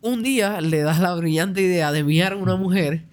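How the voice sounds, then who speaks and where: A man with a somewhat high voice talks through a theological point in a relaxed, conversational way. He leans on fillers and keeps checking in with his listener. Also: moderate pace. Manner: explains with many fillers and tag questions.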